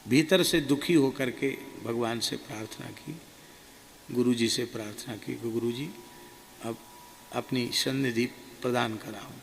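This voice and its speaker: Monk narrator, gravelly, mid-pitched, earnest devotional storytelling in a reverberant hall. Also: male voice. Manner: slow, earnest and subdued. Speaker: monk telling a spiritual experience. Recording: reverberant hall, faint ambient noise.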